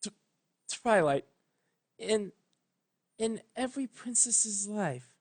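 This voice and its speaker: Solemn and halting, a man voices an ancient regal pony princess, sounding tender, proud and sorrowful. His voice sits high and is a little mellow.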